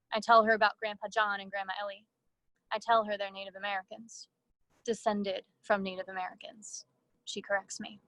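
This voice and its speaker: A woman reading her own first-person fiction aloud in a measured way, with brief casual asides to the audience. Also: mid-range voice, no echo. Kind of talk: literary reading.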